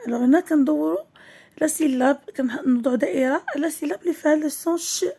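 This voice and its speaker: A female teacher gives a slow classroom lesson, stretching and repeating each word while switching between French and Arabic to explain. Her voice sits high, mellow, with vocal fry.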